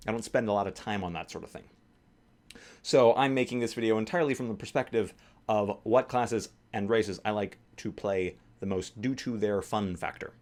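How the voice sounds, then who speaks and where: A man with a somewhat low voice talks casually to camera about tabletop games, the way a game master chats with his audience. He rambles with enthusiasm and often stops to correct himself mid-sentence.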